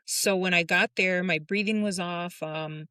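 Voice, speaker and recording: A woman's voice: fairly low pitch, steady tone, a little slow, bright, forceful tone, clear, resonant tone, no room sound. A woman in her thirties, a tattoo artist guest, speaking openly and personally in a casual interview. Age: 30s. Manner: open, personal, rambling with restarts.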